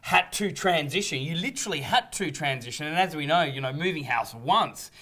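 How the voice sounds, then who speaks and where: A man hosts an interview show in a fairly high, animated voice that is pushed, bright, and fairly quick. Eager, he often stumbles over the opening words of his questions, repeating them as he starts.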